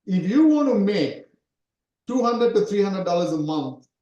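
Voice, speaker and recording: A man's voice: high-pitched, very animated, measured pace, mellow, echoey room, poor audio. A man in his early forties, originally from Sri Lanka, coaching on a call and often checking in with "right?". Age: 40s. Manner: repetitive, keeps asking "right?". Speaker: SEO coach. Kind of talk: coaching talk in an interview.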